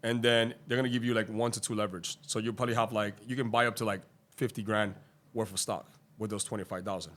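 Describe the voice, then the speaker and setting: A day trader from Cuba joins a podcast as a guest and chats about his career. His low-ish voice is fairly bright with little pitch movement, and his fast talk is full of swearing, tangents and fillers.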